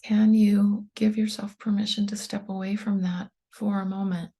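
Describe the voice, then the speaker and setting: Soft and calm, a meditation guide and tapping coach talks listeners through a meditation in a breathy, mellow voice at medium pitch. Her intonation stays gentle and even with little movement, and she lets unhurried pauses fall between short instructions.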